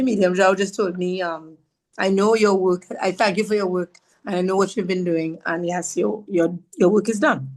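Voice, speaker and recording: A woman tells her story as a podcast guest, speaking at a middling pitch. She is earnest and pauses often, and she brings others' words to life as she recounts them. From Trinidad and Tobago. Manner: halting, with fillers and restarts. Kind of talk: conversational personal storytelling.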